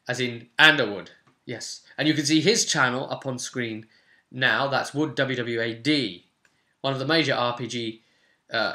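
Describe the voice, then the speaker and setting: Recorded at home in a small room, a young man hosts his channel's casual tabletop role-playing tutorial as game master, chatting freely and slipping in jokey asides. His voice is medium-pitched, bright and forceful.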